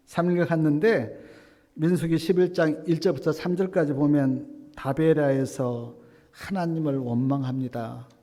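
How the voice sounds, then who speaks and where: A male pastor preaching a sermon, swinging from loud exclamations to hushed whispers and acting out quoted prayers. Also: fairly high pitch, fairly even intonation, a little slow. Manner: acts out quoted prayers and complaints. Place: church sanctuary. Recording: long hall reverb.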